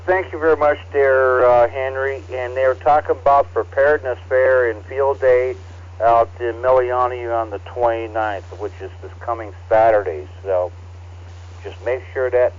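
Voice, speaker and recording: Man running a ham radio net over the air. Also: mid-range voice. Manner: relaxed, halting, reads call signs with many fillers. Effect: heard over a ham radio transceiver. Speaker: net control operator of an amateur radio net. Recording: dull, lo-fi radio audio.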